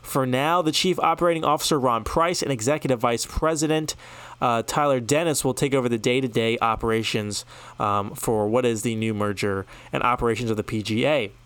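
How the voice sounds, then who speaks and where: A man's voice: mid-range voice, a little fast, fairly bright tone, smooth, no room sound. A man hosting a solo sports news podcast, reading headlines in a loose, chatty way with frequent ums and asides. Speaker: podcast host.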